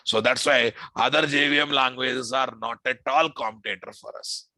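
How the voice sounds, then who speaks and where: Delivering an informal programming lecture, a man with a Telugu Indian English accent uses a medium-pitched, steady voice with a sharp tone at normal speed. He emphasizes and repeats phrases and keeps checking in with the class through questions. There is no room sound.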